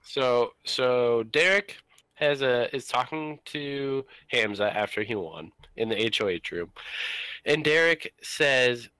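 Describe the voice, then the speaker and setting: A man's voice: mid-range voice, bright, forceful tone, clean tone. A man, a former reality show contestant, co-hosting a casual, profane chat about reality TV, with blunt, grumbling complaints. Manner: blunt, grumbling, quick asides.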